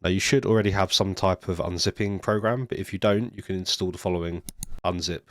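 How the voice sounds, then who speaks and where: A man with a low voice walks through a screen-recorded coding tutorial step by step at a quick pace, sounding ill, nasal and stuffy. He explains steadily with the occasional um, recorded on a studio USB microphone with no echo.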